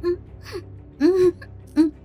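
A woman's voice: extremely high pitch, steady tone, very slow, dark tone, soft background music, voice pushed up, full character voice. A woman voicing a desperate young female police captain in an audio story, crying and pleading in a raised voice. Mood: pleading, tearful. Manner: pleading, tearful.

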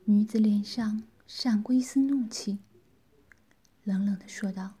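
Slow, breathy whispering female storyteller. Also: mid-range voice. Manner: soft hushed whisper.

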